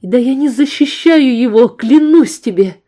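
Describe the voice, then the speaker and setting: A woman's voice: on the high side, animated, a little slow, warm tone. A woman voicing a frightened young woman who pleads desperately with her abuser in an audiobook. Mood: desperate pleading.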